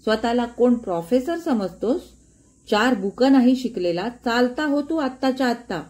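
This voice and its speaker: A woman voicing a furious, shouting father of the house. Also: a little high, animated, moderate pace, pitched above the performer's own voice, natural voice. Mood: furious scolding. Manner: shouting, scolding.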